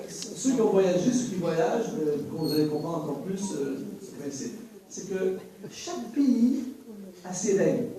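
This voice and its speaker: A man with a Canadian French accent, from French Canada, preaching to a worship team in a lively, joking way, repeating key phrases. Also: high-pitched. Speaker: worship teaching speaker. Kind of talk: sermon. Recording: very echoey room, voice from far off.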